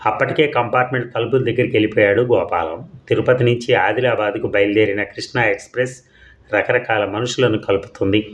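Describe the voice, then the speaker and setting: A man reads a short story aloud for an audio story channel in a calm, even storytelling voice. His voice sits on the low side. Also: brisk, highs cut off.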